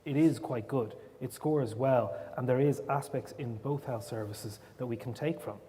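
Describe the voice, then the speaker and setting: A man's voice: mid-range voice, normal speed. A man with an Irish accent, speaking as a panelist in a discussion and arguing his points emphatically. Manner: emphatic, forceful argument. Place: event hall. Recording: long hall reverb, faint noise.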